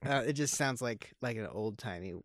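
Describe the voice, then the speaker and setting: A man's voice: mid-range voice, expressive, normal speed, no echo, studio quality. A man co-hosting a podcast, chatting casually and joking about films while rambling with many fillers and restarts. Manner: joking, wry. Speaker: podcast co-host. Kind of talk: casual conversational film chat.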